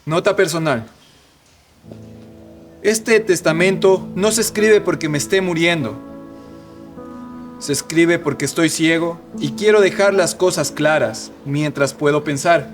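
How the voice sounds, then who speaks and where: A notary reads out a will in a formal, measured voice, played by a man. His voice sits a little high. Soft music runs under the reading. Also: close to an everyday voice. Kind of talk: telenovela-style film acting.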